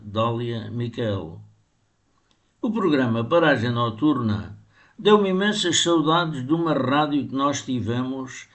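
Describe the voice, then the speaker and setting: An older man, a poet, giving measured, unhurried answers in a radio interview. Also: mid-range voice. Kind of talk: read-aloud interview answers.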